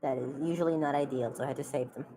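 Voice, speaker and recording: Woman tabletop player, low and mellow voice, echo repeating her words over the call. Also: fairly even intonation, rapid-fire. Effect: voice echoing back over the call. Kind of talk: casual chat over voice call.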